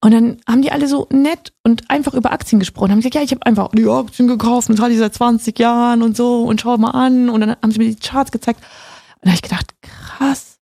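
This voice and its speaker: A woman's voice: on the high side, steady tone, fast, creaky, mellow, dry recording, studio quality. A woman guest on a radio talk show who tells her story with enthusiasm, often agreeing with "genau". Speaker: podcast guest, investor. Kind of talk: casual radio interview.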